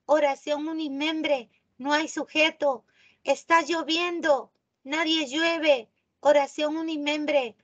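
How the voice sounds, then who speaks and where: A woman teaching a live online class in a high, bright-sounding register. She moves at an unhurried pace and lingers on key terms. She keeps asking her students whether they are following along. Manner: checks in often with students, stresses key terms slowly. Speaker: language teacher.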